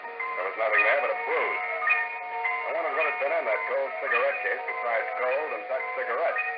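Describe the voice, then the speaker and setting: A fast-talking, wisecracking hard-boiled private eye, trading dry quips and narrating his case in 1940s radio style. It comes from an old wire recording, so his voice sounds muffled and dull. A loud music bed plays behind him. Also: mid-range voice. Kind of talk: 1940s radio drama acting.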